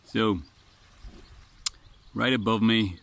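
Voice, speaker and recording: Extremely slow and gravelly, a man's strong voice comes across fairly low-pitched, steady and a bit bright. The vlogger sits outdoors on a beach in casual reflection, rambling earnestly and often restarting sentences, with faint wind noise present.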